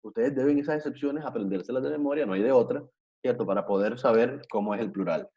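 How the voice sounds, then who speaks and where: Male teacher, online class: mellow, patient, repetitive explainer on a dull, lo-fi call mic. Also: mid-range voice, fast. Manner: patient, repetitive, checks understanding with frequent tag questions. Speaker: Portuguese teacher. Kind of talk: online language lesson.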